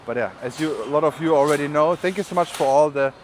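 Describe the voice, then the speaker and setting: A German man vlogs while walking city streets, chatting fast in a fairly high voice with a German accent and rambling into informal asides. Outdoor traffic noise and vehicles are audible throughout.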